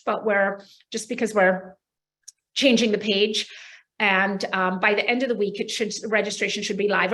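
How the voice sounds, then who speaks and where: Over a video call microphone, a woman gastroenterologist with a fairly high-pitched voice takes viewer questions on a live stream. She explains medical terms in an animated, friendly way.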